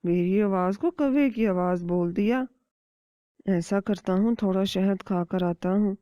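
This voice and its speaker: A woman's voice: mid-range voice, dark tone, no room sound, close to an everyday voice. A woman voicing a scheming, hungry male kite bird villain in a cartoon story, muttering his plans in a growl. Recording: dry, dull lo-fi recording.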